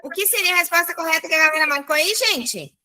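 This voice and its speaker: High, bright Brazilian woman teacher. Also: fast. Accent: Brazilian Portuguese. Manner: lively, chatty, addresses the class as a group. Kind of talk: live online class for children.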